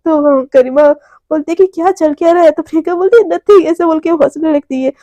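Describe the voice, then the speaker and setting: A woman's voice: high voice, brisk, warm tone, no echo. A woman telling a love story in a casual, chatty narration.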